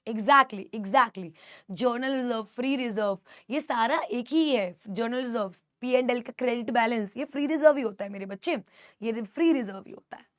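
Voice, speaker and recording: Woman, young adult, online class teacher, high voice, affectionately scolding, Hindi-English mix, dry close mic. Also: moderate pace, a bit bright, dry recording. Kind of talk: live online class, answering student doubts.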